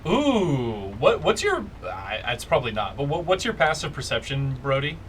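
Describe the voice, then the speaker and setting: A man's voice: medium pitch, very animated, moderate pace, noisy background. A man improvising casual narration as game master of a tabletop role-playing game.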